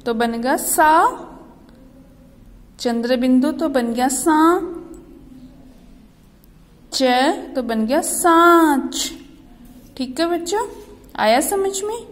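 A woman teaching young children Hindi, reading words slowly and asking them to repeat after her. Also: high-pitched, in a large hall. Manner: slow, drawn-out word-by-word reading with repeated questions. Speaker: primary school Hindi teacher.

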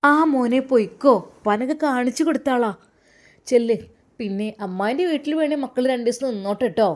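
Woman doing bossy aunt, falsely sweet, loud, brisk, higher pitch. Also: natural voice.

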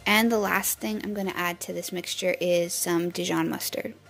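Gravelly-voiced woman walking through a recipe. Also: on the low side, moderate pace, soft background music, low-quality recording. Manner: relaxed step-by-step explaining. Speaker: cooking vlogger. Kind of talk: casual cooking voice-over. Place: home kitchen.

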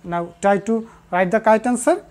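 A woman teacher speaks in a warm, mellow tone. She talks at a middling pitch and says each key answer twice. Short pauses and fillers break up her explanations. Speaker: English teacher. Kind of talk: recorded classroom lesson.

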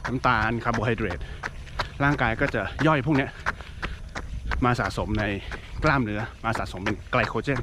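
A running coach-style vlogger with a medium-pitched voice explains training casually at a moderate pace while jogging outdoors, talking in short, broken phrases. The recording is noisy, with traffic and outdoor ambience.

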